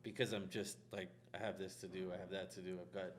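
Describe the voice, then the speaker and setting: A man's voice: sits low, little pitch movement, fast, slight background noise. A man who is a contractor, co-hosting a podcast in casual chat, talking in a loose, rambling way. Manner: loose, rambling, full of "like" fillers.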